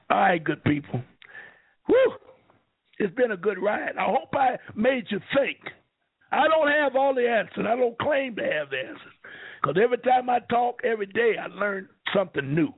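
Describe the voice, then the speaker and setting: A man hosting a call-in radio talk show, fiery and preachy, swinging between shouting and low asides. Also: animated, normal speed, breathy edge. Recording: tinny phone-line radio sound.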